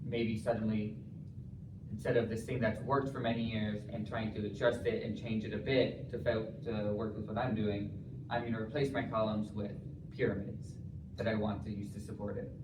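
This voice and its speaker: A distant, noisy recording of a young man at a thesis defense in a reverberant room. His voice sits slightly low. He answers haltingly, hedging and rewording as he goes. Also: flat delivery. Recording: echoey room, distant mic, clear noise.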